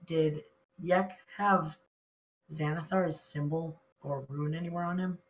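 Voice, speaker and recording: A woman's voice: low voice, fairly even intonation, slow, low-quality recording. A woman chatting casually as a player in a tabletop role-playing game.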